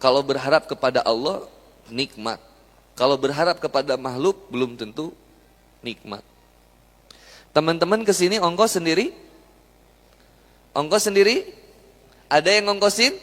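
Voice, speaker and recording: High-voiced preacher in an echoing hall. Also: male voice, expressive, normal speed, pauses often, a bit bright. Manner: chatty, jokey, asks the crowd questions. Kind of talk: lively sermon to a live audience. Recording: long hall reverb.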